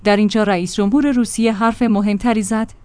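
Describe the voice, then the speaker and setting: A woman reads a news magazine report aloud. Her delivery is steady and measured, at a middle pitch. The sound is dry and close, with no room echo. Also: clean tone. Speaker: news reader.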